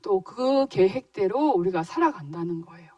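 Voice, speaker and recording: A woman teaching in a children's church service, telling a Bible story in an animated way and asking the children questions. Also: mid-range voice, moderate pace, no echo, distant mic, highs cut off. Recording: dry voice a little off-mic.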